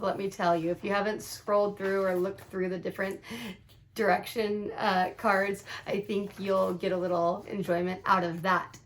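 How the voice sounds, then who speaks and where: A woman's voice: mid-range voice, slight background noise. A woman teacher explaining how a classroom icebreaker works, upbeat, walking through examples and acting out steps. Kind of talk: instructional explainer video.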